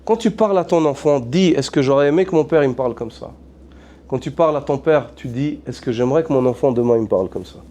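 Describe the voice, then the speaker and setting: A man's voice: a little high, fast, mellow. A man, an imam, preaching a sermon earnestly, mixing in Arabic phrases and asking repeated rhetorical questions.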